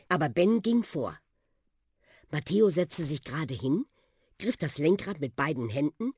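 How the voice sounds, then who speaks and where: Storybook reader, lively up and down voice, bit husky, dry close mic. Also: medium pitch, no room sound. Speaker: narrator. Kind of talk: children's audiobook narration.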